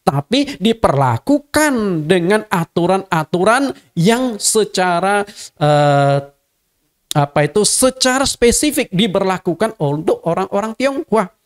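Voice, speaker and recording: A middle-aged pastor from Indonesia, a native Hakka speaker, teaches a sermon in a conversational way, speaking straight to his congregation. His voice is high-pitched and very animated, yet he takes his time.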